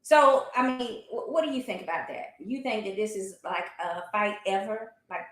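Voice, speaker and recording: A woman in an animated, casual sports discussion, speaking emphatically and colloquially with strong opinions. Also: medium pitch, normal speed. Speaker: boxing talk show commentator. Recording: roomy, echoey sound.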